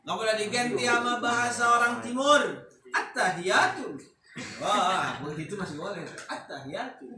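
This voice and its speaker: A man's voice: sits high, normal speed, a crowd in the background. A man teaching a casual religious lesson, joking and dropping into Arabic recitation with slangy asides. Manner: relaxed, joking, mixes Arabic recitation with Jakarta-style slang. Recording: echoey room, distant mic, faint noise.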